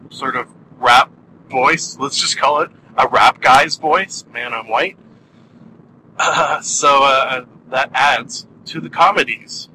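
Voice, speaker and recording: A man's voice: mid-range voice, bright, forceful tone, a little hiss or hum, poor audio. A man giving a casual spoken review, rambling and self-deprecating, with many fillers and restarts.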